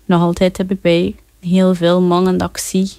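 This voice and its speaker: A woman speaks in a halting, measured way, her identity hidden by a voice shifted down in pitch. The disguise makes her sound lower, and her delivery stays flat with little rise and fall. The recording is dry and close, with no room sound. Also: clean tone, no echo. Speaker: anonymous interviewee in a news report. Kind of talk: recorded news interview clip.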